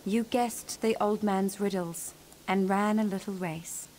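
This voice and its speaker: A woman's voice: medium pitch, fairly even intonation, a little slow, warm tone, slight background noise, close to an everyday voice. An actress playing a stern, demanding female officer who oversees a combat trial.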